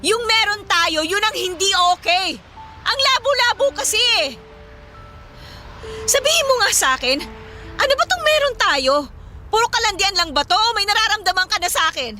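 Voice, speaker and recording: A woman acting in a radio drama as a tipsy, hurt and angry young woman who throws sharp, accusing retorts. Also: very high voice, brisk, hardly any pauses, music in the background. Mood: distraught.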